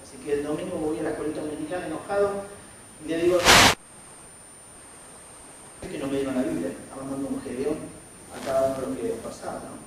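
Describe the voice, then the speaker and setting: Argentine preacher in an echoing church. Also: male voice, a little high, fast, long pauses. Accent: Argentine Spanish. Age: 40s. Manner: storytelling with acted quotes of others. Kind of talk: sermon testimony. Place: church sanctuary. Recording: very echoey church hall from far off, faint noise.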